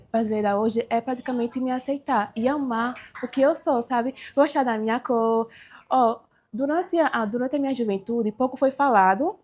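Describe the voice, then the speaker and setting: A teenage girl with a Brazilian accent, a student giving a personal interview in a halting, emotional way. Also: fairly high pitch, a little mellow. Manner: halting and emotional, many restarts.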